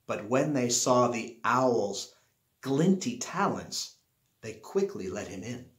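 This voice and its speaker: A medium-pitched, sing-song voice reads slowly as a middle-aged man shares a children's picture book indoors in his small living room. He draws out and emphasizes important words storyteller-style, captured on an echoey, roomy home recording.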